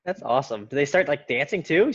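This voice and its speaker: A man in his twenties hosting a casual podcast, chatty and relaxed, asking his guests questions. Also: on the high side, fast. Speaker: podcast host. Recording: dull lo-fi audio.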